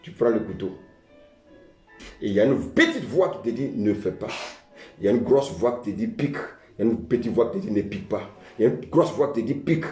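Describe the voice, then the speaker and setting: A man's voice: mid-range voice, very animated, fast, dark tone, echoey room, soft background music. A man preaching a sermon as pastor, often saying "beloved" and calling for the congregation's answer. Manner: preaching with call-and-response; repeats "bien aimé" often.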